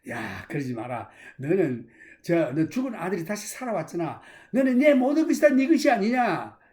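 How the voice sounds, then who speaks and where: A man's voice: high-pitched, sing-song, normal speed, a little mellow. A man preacher voicing a loving old father who welcomes his lost son, in sermon storytelling with character voices. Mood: coaxing.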